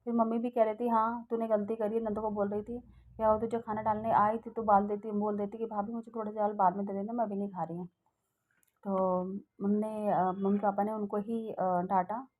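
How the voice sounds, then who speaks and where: A middle-aged woman recounts a personal devotional testimony in a warm, dark-toned voice. She rambles, stops often to hesitate and restart, and sounds heartfelt throughout. Her pitch sits in an ordinary middle range. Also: flat delivery, a little fast, rough recording.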